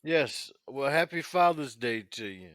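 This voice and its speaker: Slow-talking man in his fifties. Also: medium pitch, animated, a bit bright, no room sound, studio quality. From United States. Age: 50s. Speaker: host of a live video chat. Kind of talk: casual chat.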